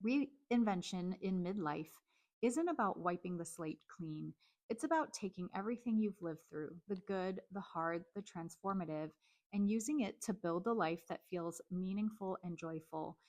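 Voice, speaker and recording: Calm and earnest, a host in her forties whose first language is Chinese delivers a thoughtful personal monologue at a measured pace. Her voice sits on the low side.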